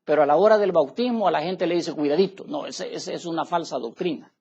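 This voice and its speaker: Gravelly preacher man giving a sermon. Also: a little high, brisk, a little mellow, lo-fi sound. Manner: emphatic, asks listeners "¿me entiende, hermano?". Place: church tabernacle.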